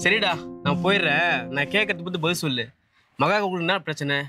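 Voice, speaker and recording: An actor playing a caring, brotherly young man who speaks in a gentle, coaxing way. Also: on the high side, fast, lightly acted. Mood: placating. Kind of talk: drama dialogue. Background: music.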